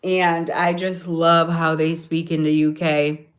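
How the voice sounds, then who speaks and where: A Jamaican woman hosts a casual livestream, chatting with viewers, responding to their comments, and laughing often. Her voice is low and slow, with little movement in pitch.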